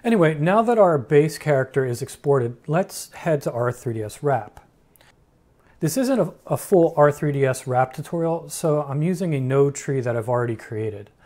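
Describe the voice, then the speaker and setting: Frank man explaining software steps. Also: fairly high pitch, lively intonation, moderate pace. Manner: frank, dryly humorous, explanatory. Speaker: tutorial host. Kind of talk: screen-recorded software tutorial.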